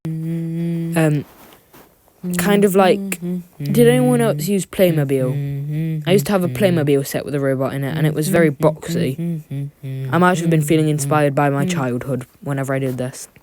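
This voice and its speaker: Low-voiced woman with a sore throat. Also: normal speed, a crowd in the background. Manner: joking, self-deprecating asides. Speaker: video creator narrating own drawing. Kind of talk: casual chatty process commentary.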